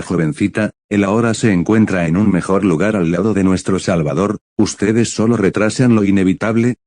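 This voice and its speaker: A man's voice: deep voice, a little mellow, dry recording, studio quality. A man voicing a deranged, fanatical cult priest in a fan story, grandiose and menacing like an evil emperor. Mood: smug, menacing. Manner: grandiose, menacing villain proclamations.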